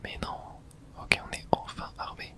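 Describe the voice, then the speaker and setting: Streaming a playthrough for viewers, a gamer whispers the whole ASMR let's play in a bright, airy, breathy voice with no real voicing. The reactions come at normal speed, muttered and casual, with an occasional mild curse.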